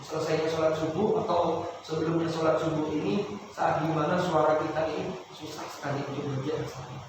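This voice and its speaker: A man with a Javanese accent teaching Quran recitation melodies, his voice tired, explaining and then chanting verses slowly. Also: a little high, little pitch movement. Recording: echoey hall, distant mic, noisy.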